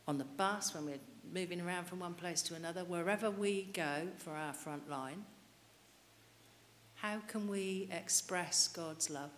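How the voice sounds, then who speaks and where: A middle-aged woman preaches a sermon at a church lectern mic, earnestly asking the congregation questions. Her voice sits on the low side and is unhurried, and the recording carries the reverb of a church hall with light hiss.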